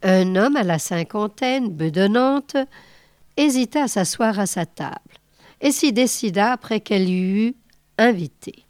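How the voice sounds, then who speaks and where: A woman reading a novel aloud in a measured, unhurried way. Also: mid-range voice, expressive, a little mellow, smooth, dry recording. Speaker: reader.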